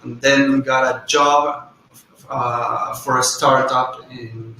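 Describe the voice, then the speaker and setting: Slow-talking young Argentine man, distant and echoey. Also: medium pitch, fairly even intonation, sharp tone. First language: Spanish. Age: 20s. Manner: hesitant, many fillers and restarts. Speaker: interview guest, software developer. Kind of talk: casual interview over webinar. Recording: echoey, distant, faint noise, webinar audio.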